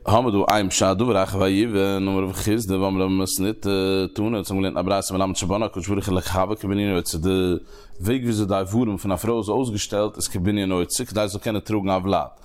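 A man teaching a Talmud lesson, explaining the text in halting phrases that he repeats and restarts. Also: deep voice, fairly even intonation, darkish tone.

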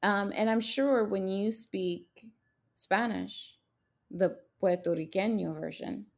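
Slow and mid-pitched with noticeable vocal fry, her voice carries a Haitian Creole first-language background. She co-hosts a casual podcast, arguing with passion and emphasis and throwing out rhetorical questions.

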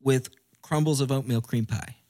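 A man's voice: mid-range voice, moderate pace, dark tone. A man co-hosting a casual podcast, bantering in slangy, clipped, emphatic remarks. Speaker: podcast co-host.

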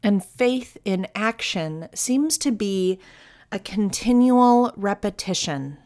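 A woman hosting a guided meditation, reading devotional text in a soft, soothing, deliberate way. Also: mid-range voice, lively intonation. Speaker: meditation podcast host.

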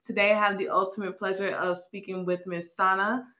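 A woman's voice: mid-range voice, flat delivery, brisk, sharp tone. Upbeat woman host, dull lo-fi sound. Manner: upbeat, encouraging, repeats phrases. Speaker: podcast host. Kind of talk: casual interview hosting.

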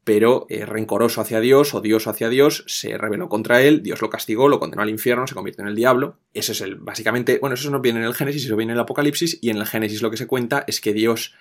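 A man of middling pitch talks through a classic poem for a podcast, animated and lively as he explains. He breaks off and restarts sentences while he thinks. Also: fast, hardly any pauses. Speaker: literature guest explaining a classic.

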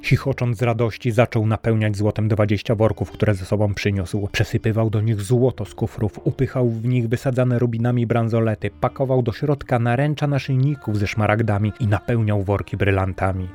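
A man narrating a fairy tale in a steady, even storytelling manner. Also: lowish voice, brisk, few pauses, faint music behind.

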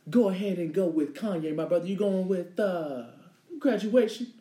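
A man co-hosting a podcast, chatting casually and reeling off lists in a relaxed, laid-back way. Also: sits high, normal speed. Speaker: podcast co-host. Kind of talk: casual chat. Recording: roomy echo.

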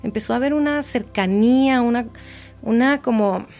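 A woman's voice: a little high, normal speed, vocal fry, a little mellow, faint music behind. Reflective woman telling her story. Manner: reflective, repeats words for emphasis. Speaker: guest. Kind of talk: personal storytelling in a podcast interview.

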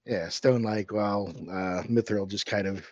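A man's voice: fairly low pitch, fairly even intonation, normal speed, a little mellow, no room sound. A man playing a tabletop game who describes his character's actions in a rambling, easygoing way, heard through a dull lo-fi mic. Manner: rambling, laughing easily. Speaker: player.

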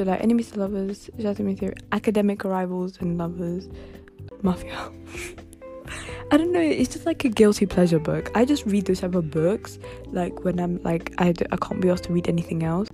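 Rambling young woman, husky-creaky. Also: mid-range voice, warm tone. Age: late teens. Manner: rambling, giggly, talks to herself. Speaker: podcast host. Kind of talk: casual solo podcast chat.

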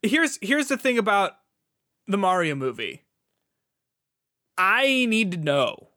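A man's voice: high-pitched, sing-song, slow pace, sharp tone, no echo, studio quality. A man hosting a casual podcast chat, loose and talkative, laughing often and swearing. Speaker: podcast host.

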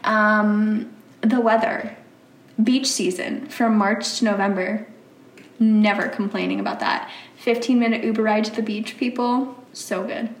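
A woman's voice: mid-range voice, fairly even intonation, a little slow. A young woman, a college student from the Philadelphia area, chatting casually as an interview guest, giggly and full of fillers. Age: young adult. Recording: roomy sound with faint noise.

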